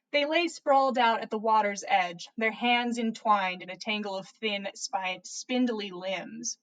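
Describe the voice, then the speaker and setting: On a livestream, a podcast host reads listener fan fiction aloud in a playful, theatrical, animated way, stumbling over words and swearing. Her mid-range voice is a bit bright, and the recording quality is low.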